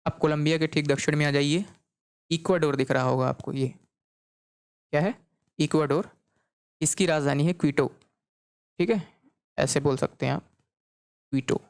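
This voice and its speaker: In a recorded geography lecture, a man with a slightly high voice and vocal fry speaks at a moderate pace with long pauses. He checks in often with "okay" and turns each key point back into a quiz question. The tone is clean and studio quality, with no room sound.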